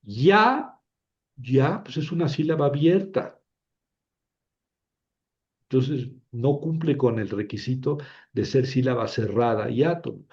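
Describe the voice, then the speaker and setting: A man's voice: medium pitch, measured pace, pauses often, mellow, lo-fi sound. A man teaching Biblical Hebrew, patiently sounding out syllables and often checking with "¿verdad?". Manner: patient, repeats syllables aloud, asks "¿verdad?". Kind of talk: slow classroom explanation.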